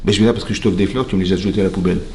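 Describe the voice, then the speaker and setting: A man's voice: low-pitched, fairly even intonation, very fast, warm tone, slight background noise, voice pushed down. A man doing an indignant wronged elder brother. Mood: aggrieved. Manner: aggrieved, self-righteous complaining.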